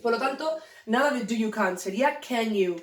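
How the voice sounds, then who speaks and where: A woman's voice: on the high side, lively intonation, normal speed, distant mic. A woman teacher, explaining English grammar to students in a playful, joking way. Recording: echoey room, voice away from the mic.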